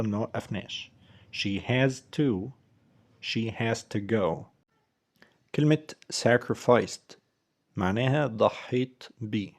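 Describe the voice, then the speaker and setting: A man with an Egyptian Arabic accent teaching English pronunciation, repeating words slowly and carefully for practice. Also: fairly low pitch, a little mellow. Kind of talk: language lesson explanation.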